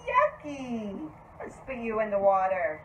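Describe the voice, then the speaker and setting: A woman's voice: on the high side, wildly swooping pitch, a little slow, muffled recording. A woman teaching small children in an exaggerated, coaxing sing-song way, asking simple questions and praising the answers. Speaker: preschool teacher. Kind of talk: slow sing-song lesson for toddlers. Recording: echoey room, faint noise.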